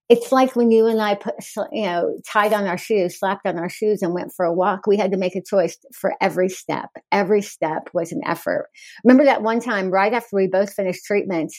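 A woman's voice: mid-range voice, darkish tone, no echo. Frank, wry woman guest, dry mic. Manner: frank, wry humor, laughs easily. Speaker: guest author. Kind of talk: candid podcast interview.

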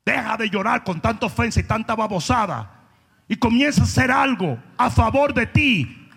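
A man's voice: very high voice, lively intonation, moderate pace, creaky, a bit bright, husky, in a large hall. A male pastor preaching a blunt, confrontational sermon, mocking people and acting out their quoted words in voices.

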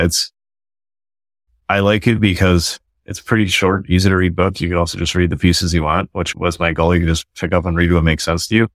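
A guest author and company founder from the United States earnestly explains his ideas in a casual podcast conversation, frequently restarting sentences. His voice is deep and a bit bright, with no echo.

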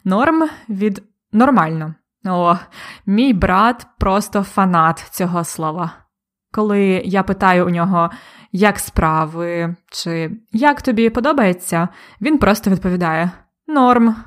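A woman teaching a language lesson, speaking deliberately and clearly and repeating each example word. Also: mid-range voice, expressive.

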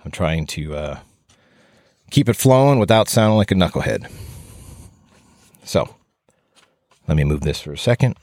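Lowish-voiced man, breathing audibly into the mic. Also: lively intonation, normal speed, pauses often, a little mellow, no echo, clean studio sound. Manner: rambling, plain-spoken, self-deprecating. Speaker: podcast host and firefighting instructor. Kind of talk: informal solo podcast talk from handwritten notes. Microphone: close microphone.

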